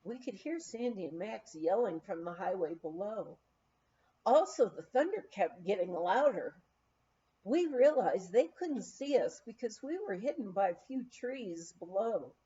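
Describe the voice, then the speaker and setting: Slightly dull in recording quality, this audiobook features a woman narrating a memoir at a relaxed pace. She reads in a measured, expressive storytelling style, her voice a touch high, soft around the edges, and mellow.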